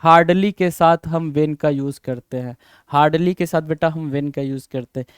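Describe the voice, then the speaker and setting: Patient Indian teacher, smooth higher voice. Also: male voice, no echo, studio quality. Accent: Indian English. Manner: patient, repetitive, quizzes students with questions he answers himself; reads exam sentences slowly word by word. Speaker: English grammar teacher. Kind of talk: exam-prep lesson in mixed Hindi and English.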